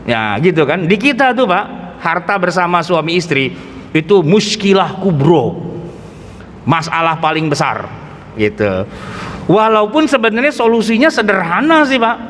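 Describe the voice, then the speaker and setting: Male ustadz, high voice, joking mosque lecture, echoing hall. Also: sing-song, unhurried, a bit bright. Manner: joking, acts out quoted voices, colloquial asides. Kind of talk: humorous religious lecture. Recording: reverberant hall, faint ambient noise.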